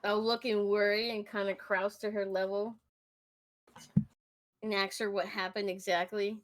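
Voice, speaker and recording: A woman's voice: mid-range voice, little pitch movement, measured pace. A woman playing in a tabletop game, making short, light remarks. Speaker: player.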